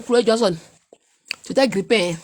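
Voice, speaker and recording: A woman's voice: on the high side, normal speed, a little hiss or hum. A woman with an Ivorian French accent, chatting casually to her viewers and teasing them while she feels ill. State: feeling ill. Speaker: vlogger.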